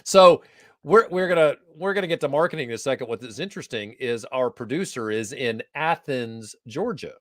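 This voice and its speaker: A man's voice: medium pitch, fairly quick, no echo, clean studio sound. A man hosting a casual live online interview, chatty and playful as he welcomes his guest. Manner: chatty, jokey, animated. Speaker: host. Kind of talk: casual livestream interview chat. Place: Atlanta area.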